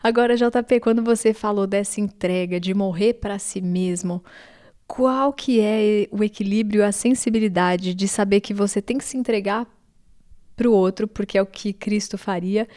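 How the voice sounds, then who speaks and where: A Brazilian woman in her thirties, a talk show host, telling personal stories warmly and asking long questions. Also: mid-range voice, normal speed. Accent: Brazilian Portuguese. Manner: warm personal storytelling, asks long questions. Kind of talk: casual talk show conversation.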